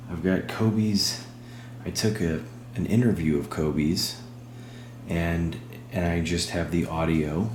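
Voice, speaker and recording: A man hosting a spirit box session, speaking in halting short phrases and putting questions to a spirit. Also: deep voice, a little mellow. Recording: roomy echo with humming background noise.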